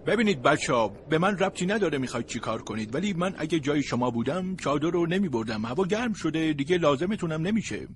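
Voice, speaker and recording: A man's voice: a little high, lively intonation, few pauses, a little hiss or hum, voice pushed up, lightly acted. A man doing a teasing male onlooker. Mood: mocking. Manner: teasing, offhand. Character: mocking male onlooker giving advice.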